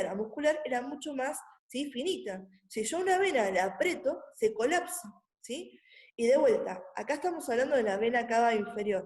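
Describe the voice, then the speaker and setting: Woman, a bit high-pitched, patient lecturer on an echoey video call. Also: a little mellow. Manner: patient, checks in with a constant "¿sí?". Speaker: anatomy teacher. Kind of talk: online anatomy lecture. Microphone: computer mic on a video call.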